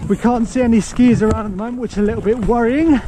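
A man's voice: very high-pitched, fairly even intonation, fast, noisy background. A man vlogging on a night ski trip, chatty and asking his friends questions, filming on an action camera. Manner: chatty, asks the others questions. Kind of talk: casual vlog chat.

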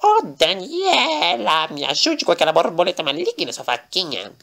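A man voicing a panicky old man with drawn-out, squealing exclamations in a comedy parody. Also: high-pitched, huge pitch swings, gravelly, bright, forceful tone, voice pushed up, heavily acted.

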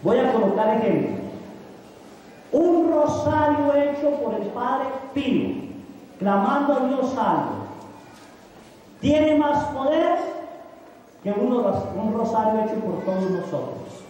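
High-voiced priest preaching in an echoey hall. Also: male voice, sing-song, slow, long pauses, warm tone, slight background noise. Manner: asks the congregation questions and answers them himself. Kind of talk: sermon. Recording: echoey hall recorded from far off.

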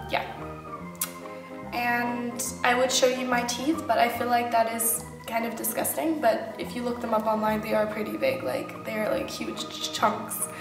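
Casual female vlogger, young adult, informal and emphatic, roomy home sound with clear background music. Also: fairly high pitch. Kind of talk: casual personal chat to camera. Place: indoor home kitchen. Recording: echoey room, music behind voice.

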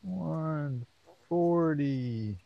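A man's voice: on the high side, very slow, vocal fry, muffled recording. A man giving casual step-by-step grilling tips outdoors at a backyard grill, in an easygoing, chatty way. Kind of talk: casual how-to cooking vlog.

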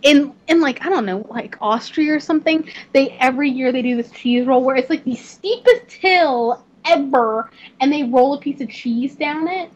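A young woman with a Southern accent, chatting and giggling in a rambling, excitable way while live-streaming a game. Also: sits high, normal speed. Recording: slightly dull, faint noise.

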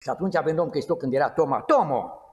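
Middle-aged guy preaching casual, high voice, lots of restarts, long echo off the walls. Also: darkish tone. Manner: conversational and digressive, with halting restarts. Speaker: lay preacher. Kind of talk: informal sermon. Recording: long hall reverb.

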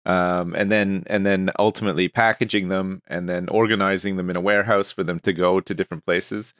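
A man's voice: low-pitched, level tone, a little fast, a bit bright, clean tone, no room sound, studio quality. A man co-hosting a casual podcast, rambling through his thoughts with many restarts and fillers. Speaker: podcast co-host.

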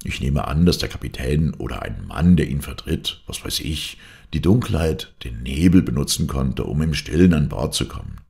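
A stubborn, proud ship commander, played by a male audiobook reader, insists on his point with emphatic force. The voice is very deep and gravelly, with lively swings of pitch. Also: moderate pace, hardly any pauses, exaggerated voice. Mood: insistent.

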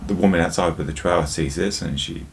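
A man's voice: low voice, quick pace, a little hiss or hum. A man hosting a casual drinks review vlog, chatty and jokey, talking straight to his viewers and telling a joke along the way.

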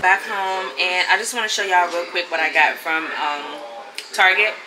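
With a fairly low voice at normal speed, a woman does casual vlog talk to camera, chatty and full of y'all for her viewers. She's a lifestyle vlogger, and the outdoor camera sound is noisy.

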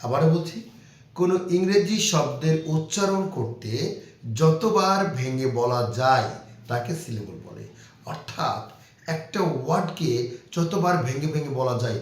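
A man teaching grammar to young children, explaining slowly and repeating each point. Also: a little high, animated. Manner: slow, repetitive explaining to young kids. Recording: very echoey room.

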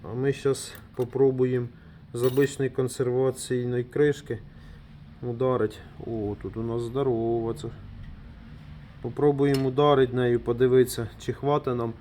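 A man's voice: mid-range voice, flat delivery, normal speed, mellow, slight background noise. A man giving casual commentary on his own hands-on repair. He thinks aloud as he works, trails off and restarts, and talks to viewers as friends. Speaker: DIY mechanic vlogger.

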